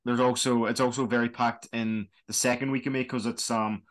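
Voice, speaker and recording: A man's voice: mid-range voice, little pitch movement, brisk. A young man with a Donegal Irish accent, chatting casually in a hesitant, rambling way on a video call. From Donegal, Republic of Ireland. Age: young adult. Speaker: student guide, interview guest. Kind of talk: casual chat. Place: small plain room indoors. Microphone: webcam video call.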